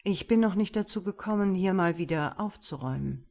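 A woman's voice: fairly low pitch, fairly quick, mellow, close to an everyday voice. A woman reading an audiobook, voicing a courteous, formal male academic who welcomes guests. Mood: polite.

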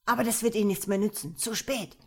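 A woman's voice: mid-range voice, fairly even intonation, moderate pace, slightly rough. A woman voicing a hard, scornful male gang leader who growls clipped commands. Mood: commanding.

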